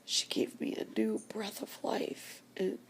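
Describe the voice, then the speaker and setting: In a personal vlog, an older woman speaks to her camera in a slow whisper, weeping quietly with deep feeling.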